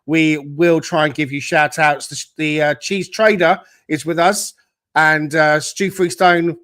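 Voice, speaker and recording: Male podcast host, fairly high voice, upbeat and welcoming. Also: fairly even intonation, measured pace, fairly bright tone. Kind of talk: casual chat.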